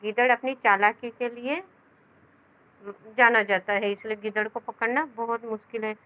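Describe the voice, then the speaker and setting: A woman's voice: a little high, fairly even intonation, normal speed, clean tone, close to an everyday voice. A woman reading aloud the lines of a clever male turtle who is a caring friend in a children's story. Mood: friendly. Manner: reads in a plain, explanatory voice. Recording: dull lo-fi sound.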